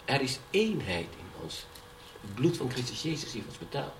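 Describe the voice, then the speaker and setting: A man's voice: medium pitch, sing-song, moderate pace. A middle-aged man preaching a sermon in a church, often checking in with the congregation and rising in fervour as he testifies. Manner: keeps asking the congregation "ja?". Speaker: pastor. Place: church hall. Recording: echoey hall, from far off, faint background noise.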